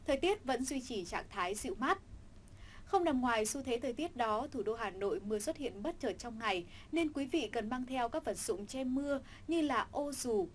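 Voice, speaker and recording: A woman presents the weather forecast in an even, formal newsreader delivery. Her voice sits a little high, and she reads every figure and region in a measured, scripted way. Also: slight background noise.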